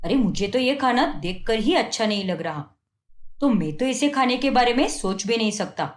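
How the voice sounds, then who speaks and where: A woman's voice: fairly high pitch, animated, normal speed, natural voice. A woman voicing a harsh, fault-finding young husband in a cartoon story, scolding and belittling. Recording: echoey room.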